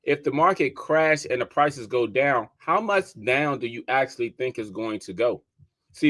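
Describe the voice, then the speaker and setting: Dc-guy hosting a podcast, chatty, says y'all a lot, keeps repeating his numbers. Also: mid-range voice. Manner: conversational, addresses listeners as y'all, repeats figures for emphasis. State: keeps sneezing. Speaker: podcast host and real estate agent. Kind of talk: casual talk to listeners.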